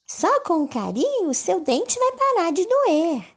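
A woman's voice: extremely high pitch, sing-song, takes it slowly, voice pushed up, heavily acted. A Brazilian woman voicing small, eager animals offering cures in a children's story, in a cute, emphatic way. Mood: eager, helpful. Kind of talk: children's storybook character voices.

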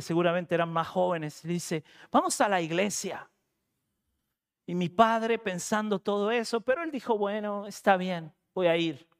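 A man preaching a sermon, telling a family story in a lively, conversational way and acting out the voices of the people in it. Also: high-pitched. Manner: conversational, animated storytelling with laughs and quoted voices.

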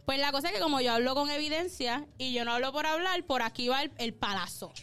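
A woman chatting on a podcast with a bright, ringing voice and lively, swooping intonation. She tells her story with excitement, faint music playing underneath. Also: high voice, quick pace. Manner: animated, laughs often, calls out to the audience. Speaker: podcast co-host.

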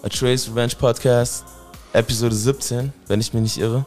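A man's voice: mid-range voice, steady tone, moderate pace, a little mellow, faint music behind. A young man hosting a podcast in casual opinion chat, peppering his talk with slang fillers. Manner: slangy, fills with "weißt du" and "Digga". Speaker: podcast host.

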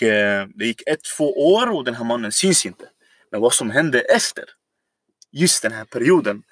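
A man's voice: medium pitch, dry recording, studio quality. A man casually telling a long personal story on a podcast, rambling and reflective, with many fillers.

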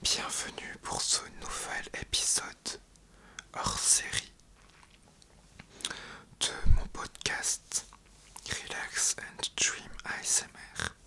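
A young man hosting an ASMR podcast in a breathy, hesitant whisper, speaking right into the listener's ear. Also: very slow, pauses often, bright, forceful tone. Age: young adult. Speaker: podcast host.

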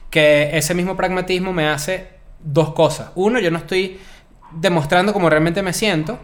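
A man's voice: high voice, fairly even intonation. A man, chiming in with jokes and asides in a casual podcast chat. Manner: quick, jokey, chiming in.

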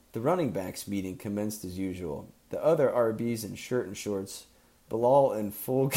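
A man hosting a podcast, reading a silly story aloud in a mock-serious tone and often breaking into laughter. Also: on the low side. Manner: laughing through a deadpan read. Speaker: podcast host.

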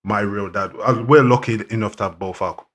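A man's voice: fairly low pitch, fairly quick. A man with an urban London roadman accent, chatting casually in slang as a podcast co-host. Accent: London, urban street. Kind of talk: casual chat in street slang.

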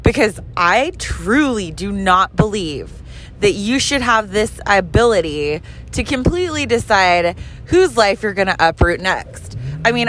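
A woman's voice: mid-range voice, fairly bright tone, slight background noise. Blunt, swearing woman ranting while driving. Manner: blunt, profane and rambling. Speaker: podcast host and mother. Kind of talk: casual driving vlog rant.

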